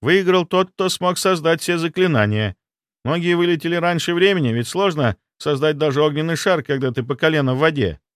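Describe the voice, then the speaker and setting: A man's voice: on the high side, fairly quick, clean tone, dry recording, clean studio sound, voice pushed up, close to an everyday voice. A man voicing a young woman student mage who explains things earnestly. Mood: explaining.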